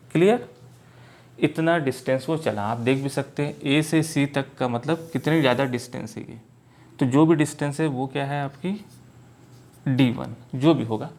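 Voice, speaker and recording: A man teaching math at a board, speaking slowly and often checking that his students follow. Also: medium pitch, darkish tone. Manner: slow, repeats "clear?" checks to students. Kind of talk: board lesson in Hindi mixed with English.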